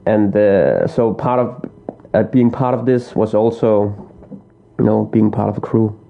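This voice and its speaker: A man's voice: fairly low pitch, measured pace, vocal fry, phone-quality sound. A man from Denmark with a Danish accent, chatting casually as an interview guest, hesitant with many restarts. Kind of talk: casual chat.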